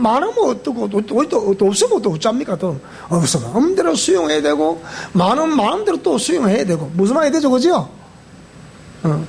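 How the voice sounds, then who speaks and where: A man with a Gyeongsang accent preaching a sermon in a church, animated, repeating phrases and asking the congregation questions. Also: very high-pitched, husky. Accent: Gyeongsang Korean. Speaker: pastor.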